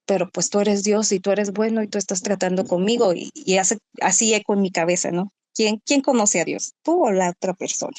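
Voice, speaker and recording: A woman's voice: medium pitch, steady tone, brisk, hardly any pauses, a little mellow, dry recording. A woman sharing a reflective personal testimony in a Bible study, asking rhetorical questions. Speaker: group member sharing testimony.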